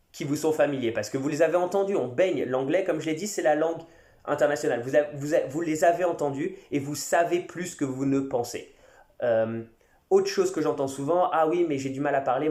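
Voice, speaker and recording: A man speaks in a mid-range voice, chatting loosely as a podcast host and pausing to find his words. His voice rings off the walls of a reverberant room. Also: mid-range voice, darkish tone. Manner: conversational, many fillers and restarts. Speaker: podcast host and English teacher. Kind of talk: casual solo podcast talk.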